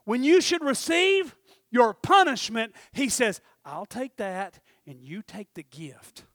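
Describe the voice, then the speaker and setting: A middle-aged man preaches in a high, ringing voice. He swings between shouted urgency and hushed, personal asides. The sound is close and dry, with no room around it. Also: lively intonation, slow, no echo. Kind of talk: sermon.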